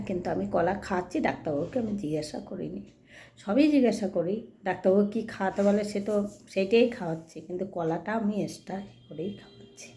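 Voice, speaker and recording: A woman chatting casually to her viewers at home while coaxing her dog to eat in high baby talk. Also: dark tone, roomy sound, a little hiss or hum. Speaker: vlogger.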